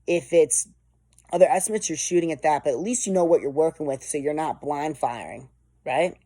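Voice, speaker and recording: There's no echo on this woman's low, mellow voice as she talks a little fast. She's a sales trainer delivering an instructional coaching talk with emphatic, motivational intensity.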